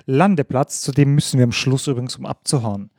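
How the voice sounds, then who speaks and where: A man's voice: mid-range voice, a little fast, darkish tone, slight background noise. A man co-hosting a podcast, patiently walking his partner through a board game's rules in casual chat and confirming each move. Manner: patient, affirming with short "Jawohl" and "Richtig". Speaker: podcast co-host explaining the game rules.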